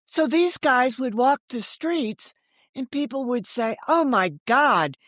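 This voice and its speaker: In a dry recording, an older woman's high-pitched, animated voice comes through slowly with a fairly bright tone. She's an author and ex-book editor guesting on a podcast, telling vivid stories full of rhetorical questions and acted-out dialogue.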